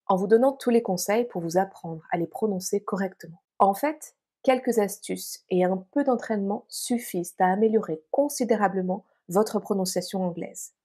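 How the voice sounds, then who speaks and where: Woman from France, language teacher reading a scripted lesson, mellow tone with a husky edge. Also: mid-range voice, moderate pace, few pauses. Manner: clear, encouraging instruction addressed to listeners.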